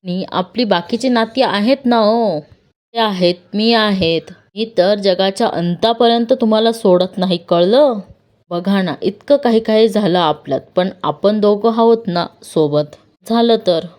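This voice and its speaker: A woman reading a firm, warm older wife. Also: medium pitch, a little slow, close to an everyday voice. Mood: tender.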